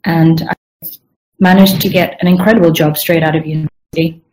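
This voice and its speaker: A young woman from Sweden and Southern Africa explains her game design work in an informal interview, her low, dark voice fairly quick and evenly intoned. Her throat is slightly strained, so she keeps clearing it, and the audio is poor.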